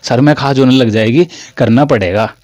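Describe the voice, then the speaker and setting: A man's voice: medium pitch, moderate pace, darkish tone, dry recording, lo-fi sound. A young man from Haryana teaching a classroom-style lesson in a chatty way, repeating his phrases and calling listeners "brother". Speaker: English teacher.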